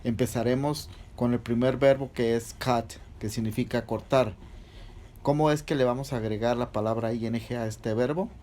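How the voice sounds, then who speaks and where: A man's voice: medium pitch, steady tone, moderate pace, a little mellow. A man teaching English verb rules in a patient, step-by-step lesson, spelling out letters one by one. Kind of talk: slow step-by-step grammar explanation.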